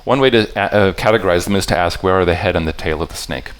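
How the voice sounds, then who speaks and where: Smooth and low, the voice of a puzzle setter delivers a talk to a convention audience. Even so, he speaks haltingly, stopping to rephrase mid-sentence, and asks the listeners at intervals whether they're following along.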